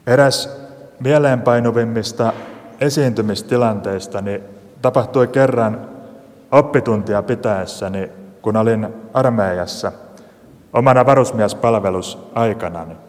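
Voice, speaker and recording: A man speaking as a pastor, reading the gospel and preaching a sermon in a church, measured and solemn. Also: on the low side, a little mellow. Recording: long church reverb.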